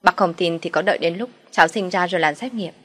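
A pushy young mistress in an audio story, played by a woman narrator, brash and scheming. Her somewhat low voice carries a loud, insolent edge. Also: fast talker, close to an everyday voice. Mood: pleading. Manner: brash, insolent, turns pleading.

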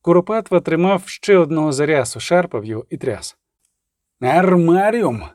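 A man narrates an audiobook with a steady, even read. His voice sits a little high for a man. The sound is dry and close, with no room around it. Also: fast talker, no room sound. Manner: steady storytelling read, acting out characters.

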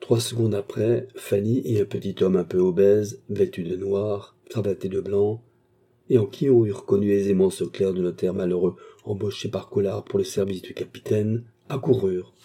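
A man narrating a classic novel in a measured storytelling manner. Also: on the low side, steady tone, dark tone, husky. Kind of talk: audiobook narration.

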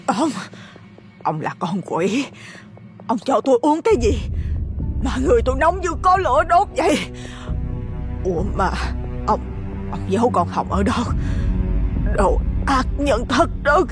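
A man voicing a deranged, dying old woman with a hoarse, wailing voice, in a storybook ghost tale. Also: very animated, unhurried, long pauses, music in the background, full character voice. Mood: frantic. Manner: shrill accusing outbursts.

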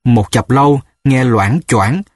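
Man reading a story in a measured rhythm. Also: medium pitch, no room sound, clean studio sound. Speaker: narrator. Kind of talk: storybook narration.

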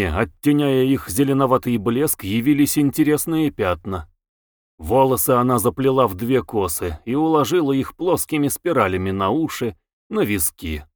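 Expressive male audiobook narrator. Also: medium pitch, dry recording, studio quality. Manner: measured, expressive.

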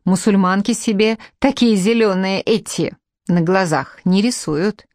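A woman's voice: mid-range voice, a little slow, a little mellow, no echo, studio quality, lightly acted. A woman reading the part of a stern female teacher in an audiobook, reproachful.

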